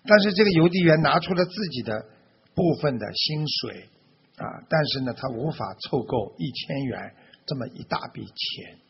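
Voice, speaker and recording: A man narrating a folk tale off the cuff, leaning on fillers and punching key words. His voice is gravelly with fry and very husky. The recording sounds muffled and lo-fi. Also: fairly high pitch, expressive, normal speed. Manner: loose, with fillers and restarts, emphatic narration. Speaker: storyteller. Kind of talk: oral folk storytelling. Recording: dull lo-fi recording.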